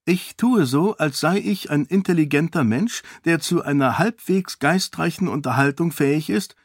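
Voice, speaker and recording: Man playing a bold witty princess, higher voice, cool cutting delivery, dry recording. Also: moderate pace, breathy edge, no echo. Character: bold sharp-witted young princess, self-assured.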